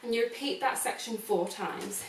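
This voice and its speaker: A woman's voice: on the high side, normal speed. A young adult woman teaching an online ballet class, counting out beats as she demonstrates steps and adding apologetic asides. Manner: apologetic asides while dancing. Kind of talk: online dance class instruction. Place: room with a hard floor. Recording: echoey room, voice from far off, noisy.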